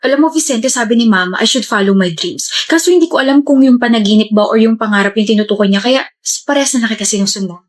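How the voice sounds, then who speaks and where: A woman's voice: a little high, fast talker, few pauses. A woman with a Filipino accent acting out a comedy skit in a playful, teasing way, mixing in English. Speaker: skit actor.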